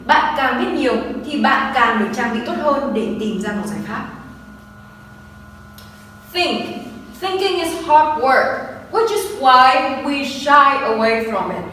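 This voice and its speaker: A woman's voice: high-pitched, big pitch swings, takes it slowly, pushed and bright, a little hiss or hum. A woman with a Vietnamese accent teaching English, reading each exam sentence aloud and then explaining or translating it. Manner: reads English text then translates it line by line. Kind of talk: exam walkthrough lesson. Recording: echoey distant room recording.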